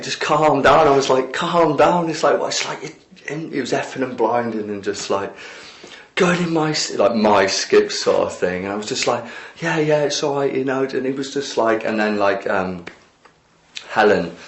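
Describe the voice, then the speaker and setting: Low-voiced rambling man. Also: vocal fry, fairly bright tone. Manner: rambling, full of "like" and "you know". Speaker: documentary interviewee. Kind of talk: casual recounting. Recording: echoey room.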